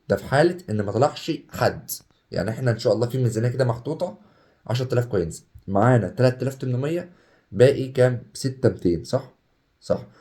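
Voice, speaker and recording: A young Egyptian man talking casually over a game, excitable and chatty, swinging between hype and groans. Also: medium pitch. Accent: Egyptian Arabic. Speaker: gaming YouTuber. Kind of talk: casual gameplay commentary.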